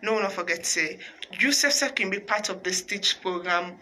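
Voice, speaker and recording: A woman's voice: mid-range voice, normal speed, bright, forceful tone, slight background noise. A woman radio host with a Sierra Leonean Krio accent, presenting conversationally in Creole mixed with English. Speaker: radio talk show host.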